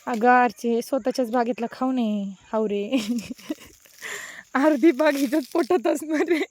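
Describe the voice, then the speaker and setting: A woman's voice: on the high side, a little slow, a little mellow. A young woman with a Marathi accent, vlogging outdoors on a mango farm, teasing playfully and mixing Hindi and English. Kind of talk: casual vlog chat.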